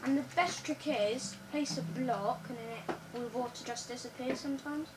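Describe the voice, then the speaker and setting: In a living room, a girl sits before the TV co-hosting a building game, her slightly croaky voice pitched high. She talks fast and casually, repeating words as time presses. The sound comes from a phone camera filming the screen, distant and full of room noise.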